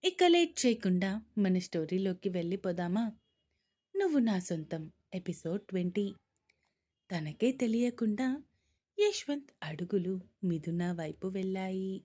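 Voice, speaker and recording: A woman narrating a romance story in a steady, plain manner. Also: medium pitch.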